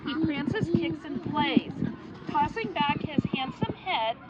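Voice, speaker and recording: A woman reading a picture book aloud to children outdoors at a farm, animated and coaxing them to make animal sounds. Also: sits high, slow pace, very noisy. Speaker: storyteller at a petting zoo. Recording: dull lo-fi sound with a loud crowd of children.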